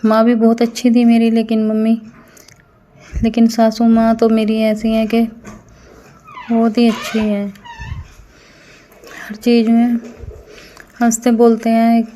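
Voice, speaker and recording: A woman's voice: fairly high pitch, monotone, measured pace, pauses often, warm tone, a little hiss or hum. A woman narrating a casual family vlog at home, chatting to viewers as friends while feeling unwell. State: unwell, tired. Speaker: family vlogger.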